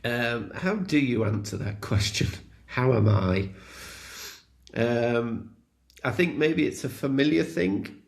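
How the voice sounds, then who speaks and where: A man's voice: mid-range voice, animated, slow, vocal fry. A man from the British Isles co-hosting a casual talk, candid and rambling. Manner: candid, rambling, with laughs and swearing. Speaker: co-host. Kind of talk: casual conversation.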